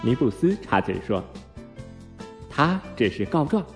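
A man narrates a children's storybook slowly, with lively, rising and falling intonation. His voice sits fairly high for a man. Soft music plays faintly in the background. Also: gravelly. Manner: expressive, unhurried. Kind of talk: storybook reading.

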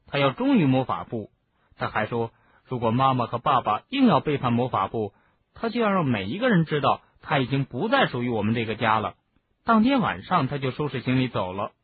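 A man reading an audiobook, voicing a gossipy, indignant teenage boy wizard in a husky voice. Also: mid-range voice. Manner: chatty, explaining at length. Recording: narrow phone-like lo-fi sound.

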